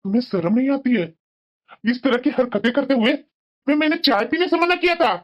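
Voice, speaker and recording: A stern young husband in a cartoon who keeps lecturing his wife about family duty. The voice sits fairly high for the part, with a scolding, righteous tone. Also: expressive, brisk, highs cut off. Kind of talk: Hindi cartoon voice acting.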